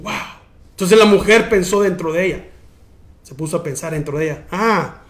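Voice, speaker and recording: A man, a pastor teaching a sermon in an animated way. He keeps addressing listeners as brother. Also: high-pitched, fairly quick.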